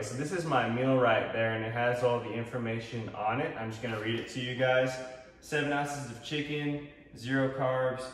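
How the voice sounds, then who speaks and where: A young fitness vlogger with a Texan accent and medium-pitched voice chats upbeat, using many fillers, as he walks through his fitness gear in a large home kitchen. A camera some distance away captures him, so his voice sounds far off in a roomy echo with slight background noise.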